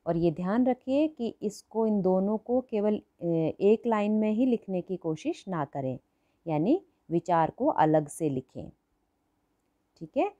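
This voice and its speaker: A woman's voice: mid-range voice, animated, slow, mellow, dull audio. A woman teaching a primary school lesson, patient, repeating each word and asking the class questions. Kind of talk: slow classroom lesson for children.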